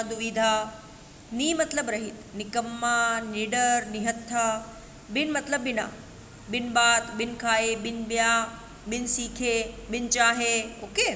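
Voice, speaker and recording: A woman teacher with a slightly high voice talks slowly through a list of examples. She speaks to her students like a patient, familiar guide. The recording sounds like a bare room with a long echo. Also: a bit bright. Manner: slow, listing examples one by one, calls students "beta". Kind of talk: classroom grammar lesson. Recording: echoey room with long reverb, faint noise.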